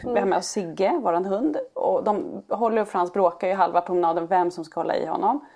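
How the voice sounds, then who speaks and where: A woman in casual chat, telling stories and acting out what others said in lively quoted voices. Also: fairly low pitch. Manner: animated storyteller who acts out quoted speech. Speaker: podcast co-host and parent.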